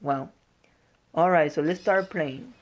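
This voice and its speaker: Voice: medium pitch, slow pace, highs cut off, a little hiss or hum. A gaming host giving informal, explanatory walkthrough commentary in a casual style.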